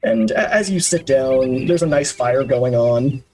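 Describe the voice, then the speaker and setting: Husky-voiced game master narrating. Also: male voice, mid-range voice, expressive, a little slow, darkish tone, poor audio. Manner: descriptive, with frequent uhs and restarts.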